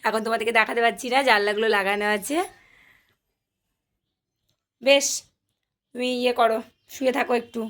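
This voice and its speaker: A woman's voice: fairly high pitch, fairly even intonation, moderate pace, long pauses, fairly bright tone. A woman chatting casually to her viewers in a home family vlog, coaxing her small children along the way. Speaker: mother and family vlogger. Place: at home, bedroom then rooftop.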